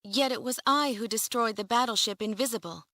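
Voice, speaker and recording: A woman's voice: on the high side, brisk, pushed and bright, dry recording, clean studio sound. A woman playing a cool, serious young heroine in a video game, composed and matter-of-fact. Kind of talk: dramatic video game voice acting.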